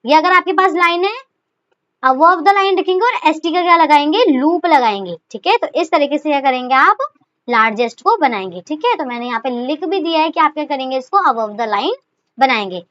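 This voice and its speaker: High bright-voiced woman teaching shorthand. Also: lively intonation, moderate pace. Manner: chatty, repeats rhetorical questions and okay. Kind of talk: explaining a lesson step by step. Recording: dull lo-fi recording.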